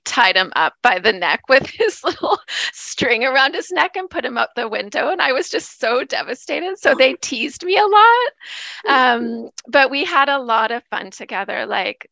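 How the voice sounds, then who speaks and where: A middle-aged woman from Vancouver Island, a professor, recalling her childhood in a relaxed interview, laughing often and filling pauses with "um". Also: mid-range voice, dry recording. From Canada, Vancouver Island. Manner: warm, reflective, laughs often, many "um"s. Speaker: guest, associate professor. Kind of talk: casual interview conversation.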